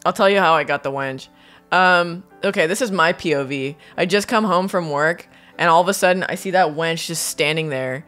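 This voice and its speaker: A woman co-hosts a podcast from her home studio with her dogs in the room, chatting casually, laughing often, and telling a story full of swearing. Her voice is on the low side and a bit bright at a moderate pace, with faint music behind her.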